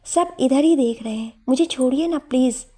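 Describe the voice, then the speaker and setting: A woman voicing a shy, coy young female student in a read-aloud story, with a breathy, fairly high voice. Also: normal speed, warm tone. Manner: shy, teasing.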